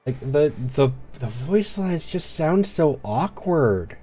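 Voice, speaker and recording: A male streamer comments on a game in a wry, casual way, pausing and restarting as he goes. He talks slowly and evenly. Faint game music sits behind him. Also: on the high side, very animated, dark tone. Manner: wry, slightly halting.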